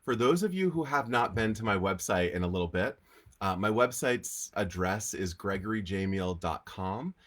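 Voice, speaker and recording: A man with a slightly low voice hosts a casual weekly livestream talk on healing. Allergies leave him congested and nasal. He chats in a relaxed, easygoing way. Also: normal speed. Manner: relaxed, chatty, with frequent fillers.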